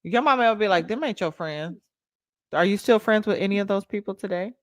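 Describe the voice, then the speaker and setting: A woman hosting a casual video-call chat, loud and animated, swearing and laughing as she reacts. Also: mid-range voice, brisk, dry recording. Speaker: host.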